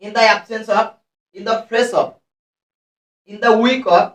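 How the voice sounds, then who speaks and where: A Bangladeshi man teaching English grammar. He explains each rule step by step and reads the example phrases out slowly. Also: very high-pitched, level tone, a bit bright. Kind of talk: grammar lesson. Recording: echoey room, mic at a distance.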